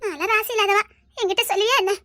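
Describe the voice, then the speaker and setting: Someone doing a sad soft tirunelveli big sister, very high bright voice, dry. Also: fairly even intonation, racing, no room sound. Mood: sorrowful. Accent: Tirunelveli Tamil. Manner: tearful, soft-spoken, affectionate. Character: sorrowful childless elder sister, gentle. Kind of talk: homemade family drama.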